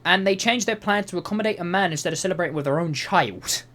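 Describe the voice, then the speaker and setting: A man's voice: high voice, quick pace, pushed and bright. A young man reading reddit posts aloud and commenting on them in an exasperated, rambling way, swearing often. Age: young adult. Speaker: YouTuber. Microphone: voice-over over gameplay footage.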